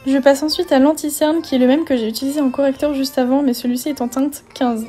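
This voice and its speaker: A woman's voice: sits high, steady tone, fast, warm tone. A young woman narrating her get-ready-with-me routine, chatty and enthusiastic about her skincare and makeup. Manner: chatty, enthusiastic product commentary. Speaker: beauty vlogger. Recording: faint background music.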